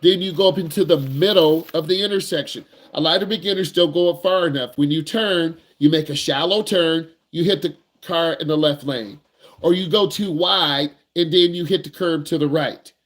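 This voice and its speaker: A man teaching as a driving instructor, talking to camera in an animated, emphatic way and acting out nervous students now and then. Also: on the high side, normal speed. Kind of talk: energetic instructional talk to camera.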